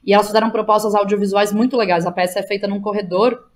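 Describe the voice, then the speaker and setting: On a casual podcast, a Brazilian woman who writes plays and directs theatre speaks at a quick pace, her medium-pitched voice holding fairly even intonation. She's the interview guest, chatting with informal slang and many tag questions.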